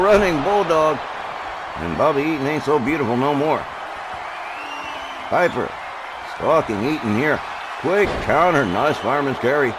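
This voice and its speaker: A man doing play-by-play wrestling commentary, calling each move in short, clipped phrases with exclamations. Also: mid-range voice. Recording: clearly noisy recording.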